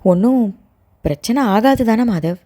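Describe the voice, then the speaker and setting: A woman's voice: a little high, expressive, measured pace, dark tone. Woman voicing a hesitant young woman in love. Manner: hesitant, pleading.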